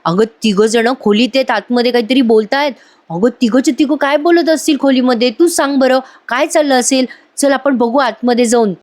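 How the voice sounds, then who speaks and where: A woman's voice: high voice, brisk, darkish tone, close to an everyday voice. A woman voicing a nosy, suspicious older aunt who scolds and insists. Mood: insistent. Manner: insistent, bossy retelling of a gossiping aunt.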